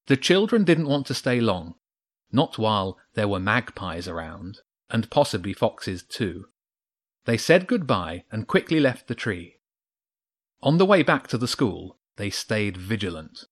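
A man reads a children's story aloud in a steady, measured way. His voice sits on the low side for a man. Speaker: narrator. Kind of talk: storybook narration.

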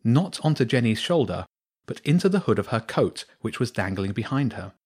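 A man narrating a children's storybook in a steady, clear reading voice. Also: medium pitch, moderate pace.

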